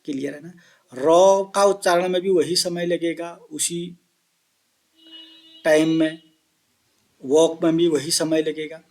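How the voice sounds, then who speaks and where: Male Sanskrit teacher, light high voice, measured unhurried delivery, drills words by repetition, quizzes the class. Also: steady tone, a little mellow. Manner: repeats and chants Sanskrit words slowly, asks pupils questions; addresses listeners as children. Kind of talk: classroom explanation of Sanskrit phonetics.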